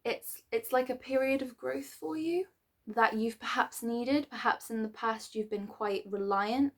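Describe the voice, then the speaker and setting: A woman's voice: fairly high pitch, a little slow. Chatty woman doing a tarot reading. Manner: chatty and rambling, with many fillers and restarts. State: clearing her throat now and then. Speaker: tarot reader. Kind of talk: casual tarot reading for a star sign.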